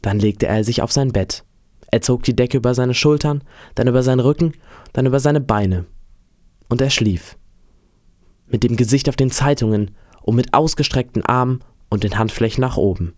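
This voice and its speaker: A man reading a novel aloud in a calm, steady storytelling manner. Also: mid-range voice, moderate pace, dry recording, clean studio sound. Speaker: reader.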